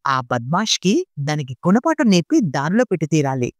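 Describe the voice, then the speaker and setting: A woman voicing a strict, quick-tempered wealthy father in an audiobook story reading, with a scolding, commanding manner. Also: low voice, big pitch swings, no echo, studio quality. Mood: angry.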